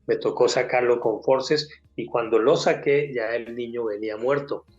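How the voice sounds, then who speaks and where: A man's voice: medium pitch, moderate pace, muffled recording, soft background music. Older man giving testimony. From Colombia. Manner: earnest storyteller, acts out dialogue. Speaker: church testimony speaker. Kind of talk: personal testimony. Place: church conference.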